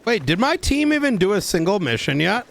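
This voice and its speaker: A man's voice: high voice, very animated, a little fast, gravelly, fairly bright tone. A man chatting casually on a gaming livestream, slangy and grumbling, with frequent swearing. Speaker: game streamer.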